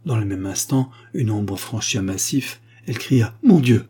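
A man reading a short story aloud in a steady, even storytelling manner. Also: lowish voice, moderate pace, husky. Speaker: audiobook narrator.

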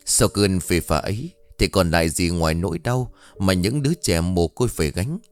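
A man narrating a dark story in a dramatic, lively storytelling manner. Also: sits low, moderate pace, smooth, dry recording, soft background music.

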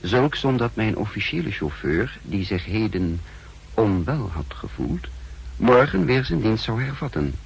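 This 1960s radio drama features a gravelly, low-voiced man giving a full character performance as a nervous secret agent posing as his double. He recounts his mission in the first person with formal, measured, literary diction, on a low-quality recording full of hiss and hum.

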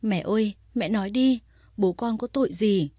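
A woman's voice: mid-range voice, fairly quick, dark tone, breathy edge, no room sound, clean studio sound, close to an everyday voice. A woman voicing a tearful young woman who cries and pleads in a storybook reading. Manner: crying, pleading.

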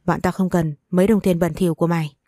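A woman's voice: fairly low pitch, steady tone, quick pace, dark tone, no echo, studio quality, lightly acted. A woman reading the part of a coarse, threatening heavyset woman in a spoken story. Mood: menacing.

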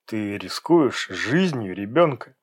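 A man's voice: fairly low pitch, big pitch swings, takes it slowly, breathy edge, exaggerated voice. A harsh, domineering rich man, as the narrator plays him in an audiobook. He speaks in short, commanding bursts, close to the reader's own voice. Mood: curt commanding. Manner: curt, commanding. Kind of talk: audiobook character voice.

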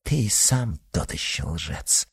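A stubborn young woman talks back with resentment and defiance, as a man puts her on. Her voice stays husky and a little raised. It is an audiobook figure. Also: sits low, big pitch swings, slow pace, pitched below the performer's own voice, exaggerated voice. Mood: whispered spite.

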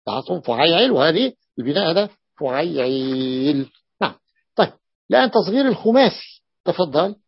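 A man's voice: a little high, big pitch swings, fairly quick, vocal fry, breathy edge, no echo. A man, a sheikh teaching a class, who explains patiently, repeats his examples and often checks whether students follow. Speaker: sheikh teaching Arabic morphology. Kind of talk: classroom lecture. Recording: dull lo-fi dry lecture recording.

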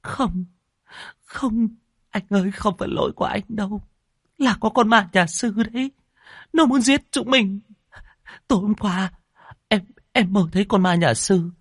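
A man's voice: very high-pitched, lively intonation, brisk, breathy edge, dry recording, studio quality, pitched above the performer's own voice, full character voice. A man voicing a terrified young woman in a hospital, screaming and pleading in fear. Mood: frightened pleading. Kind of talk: audiobook narration.

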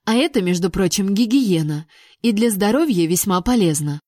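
A woman reading an audiobook, voicing a sharp-tongued young woman held captive who scolds her captor sarcastically. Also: mid-range voice, animated, normal speed, dry recording, clean studio sound, close to an everyday voice. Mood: scolding.

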